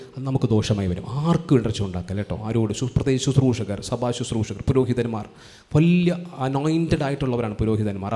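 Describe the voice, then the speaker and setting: A man's voice: mid-range voice, warm tone. A man preaching a sermon to a congregation, pleading and repeating his warnings urgently. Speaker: pastor.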